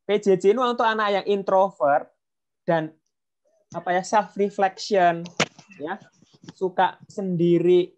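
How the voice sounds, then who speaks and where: A man's voice: sits high, steady tone, measured pace, long pauses. A man speaking to parents in a webinar, telling anecdotes and acting out dialogue, with frequent fillers. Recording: dull lo-fi online audio.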